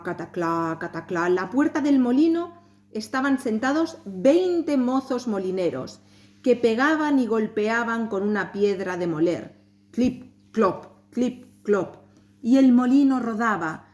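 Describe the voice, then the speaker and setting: A woman reading a folk tale aloud, expressive and rhythmic, with playful sound words. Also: fairly high pitch. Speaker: storyteller at a talk.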